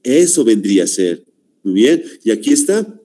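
A man's voice: medium pitch, sing-song, moderate pace, dark tone. A man teaching a language class, stressing and repeating his points while addressing the students as "señores.". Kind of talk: online class lecture.

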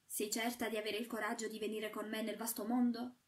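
A woman's voice: a little high, flat delivery, fairly quick, roomy sound, far from the mic, natural voice. A woman voicing a devoted young porcelain chimney sweep who speaks in an earnest, encouraging way.

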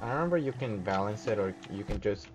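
A man's voice: fairly low pitch, animated, fast talker, music in the background. Laid-back man playing a game. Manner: laid-back, laughing, teasing. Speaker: game player. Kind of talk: casual gameplay commentary.

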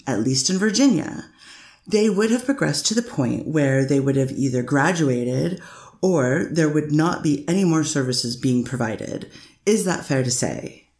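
A low-voiced woman reads a courtroom transcript as a careful defense attorney cross-examining a witness. Her questioning is steady and methodical, with many repetitions of "is that fair to say," and the room sounds echoey.

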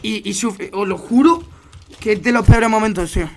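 A young man from Spain chatting on a gaming stream, full of slang and calling everyone mate. His Spanish accent is plain, and he gets animated and loud as his stories build up. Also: high voice, moderate pace, creaky, slight background noise. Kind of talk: casual gaming stream chat.

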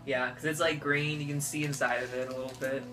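A woman's voice: rumbling low, flat delivery, quick pace, a crowd in the background. A woman bantering casually with friends in a small bedroom, giggly and full of exclamations.

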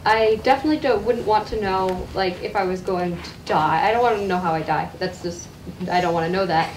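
A woman's voice: mid-range voice, fairly quick. Teenage girl, reflective, lots of fillers, distant echoey noisy room. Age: teens. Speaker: student participant. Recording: echoey room from far off with noise.

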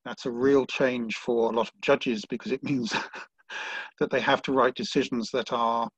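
A man who is a sailing judge, speaking haltingly with many restarts on an online panel call. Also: mid-range voice, steady tone, fairly bright tone, husky, no room sound. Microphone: video call. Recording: dull lo-fi video call audio.

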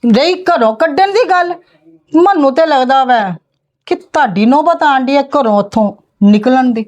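A woman's voice: high-pitched, expressive, moderate pace, darkish tone. A woman with a Punjabi accent playing a stern middle-aged aunt who scolds and threatens her niece's in-laws in a family drama. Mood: threatening. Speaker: bride's maternal aunt confronting in-laws. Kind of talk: amateur family drama acting.

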